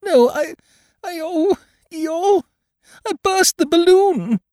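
A man voicing a small, timid piglet in a storybook, squeaky, hesitant and apologetic. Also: animated, takes it slowly, darkish tone, no echo, studio quality, heavily acted. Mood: anxious, apologetic.

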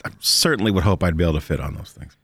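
Male co-host, middle-aged, slightly deep, self-deprecating and conversational, very little room sound. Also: rapid-fire, vocal fry, fairly bright tone, husky, no room sound, clean studio sound. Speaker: podcast co-host. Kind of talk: casual chat.

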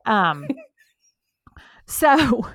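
A woman's voice: fairly high pitch, sing-song, extremely slow, fairly bright tone, no room sound, studio quality. A woman co-hosting a podcast in casual chat, talking in an emphatic, opinionated way with frequent laughs. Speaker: podcast co-host.

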